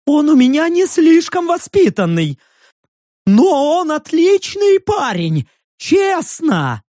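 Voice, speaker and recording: A man voicing a jittery, touchy furry male beast-man who yelps and shouts in a high, strained voice. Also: huge pitch swings, slow, no echo, studio quality, full character voice. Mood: eager, boastful. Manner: high yelping, defensive shouting.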